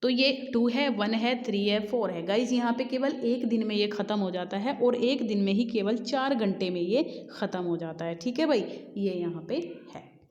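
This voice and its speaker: A woman teaching English literature for exam practice, reading each question slowly and explaining the answer, sometimes correcting herself. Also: mid-range voice, darkish tone, dull audio. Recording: echoey room with long reverb.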